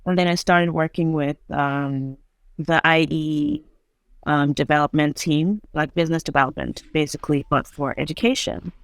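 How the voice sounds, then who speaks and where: A woman from Nigeria, a guest on a video call, telling her story in a relaxed, chatty way. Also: low-pitched, normal speed, no echo, studio quality. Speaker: guest entrepreneur. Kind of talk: casual interview.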